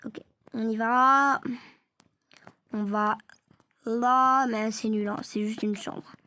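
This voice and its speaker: A woman's voice: fairly high pitch, fairly even intonation, slow, bright, forceful tone, dry recording. A young woman giving casual gameplay commentary, stammering, apologizing and often dropping into whispers. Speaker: gaming video creator.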